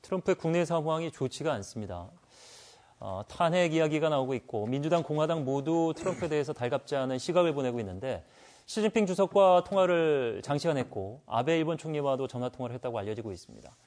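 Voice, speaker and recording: A man hosting a political panel discussion, speaking in a measured way with hesitant fillers. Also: on the high side, expressive, darkish tone. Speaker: talk show host.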